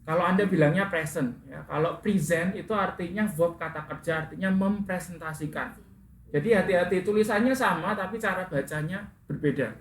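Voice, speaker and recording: A man's voice: sits high, a little fast. A man teaching an English class, correcting his students' pronunciation and asking them questions. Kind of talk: classroom instruction. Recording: echoey classroom with faint room noise.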